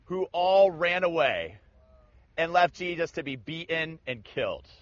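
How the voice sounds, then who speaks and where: A man's voice: fairly high pitch, unhurried, no echo. A man casually retelling a Bible passage, acting out the people in it with slangy voices. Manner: animated, acts out scripture in slangy voices. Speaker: Bible teacher. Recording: dull lo-fi sound.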